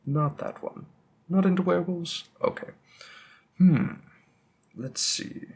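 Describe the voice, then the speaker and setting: Playing a bookish, patient vampire bookseller with a touch of menace, a man muses hesitantly and deliberately, with frequent pauses, in a conversational roleplay audio drama. His exaggerated voice sits high and is creaky, a little mellow, with a breathy edge.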